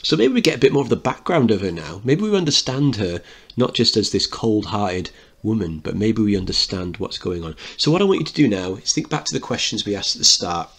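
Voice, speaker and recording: A man teaches a recorded literature lesson, explaining a play and checking students' understanding by posing questions. His fairly low, husky voice is fairly bright in tone, swings widely in pitch, and moves fairly quickly.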